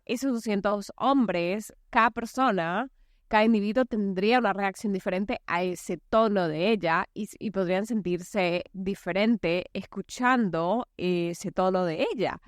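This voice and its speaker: A woman's voice: medium pitch, dry recording. Female podcast host, forties, casual solo monologue, lots of "eh", dry close mic. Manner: chatty, many fillers, acts out quoted voices. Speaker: podcast host and anger coach.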